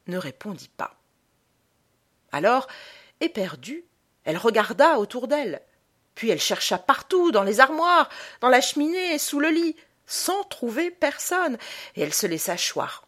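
A woman reading a short story aloud in a measured, dramatic manner. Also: on the low side, breathy edge. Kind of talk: scripted narration of a short story.

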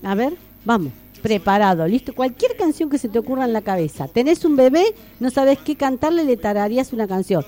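A woman's voice: a little high, sing-song, a little fast, hardly any pauses, warm tone, faint music behind. A woman hosting a radio show, chatting playfully with children and coaxing them to the microphone. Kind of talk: casual radio chat with children. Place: studio with children around a microphone. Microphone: studio microphone.

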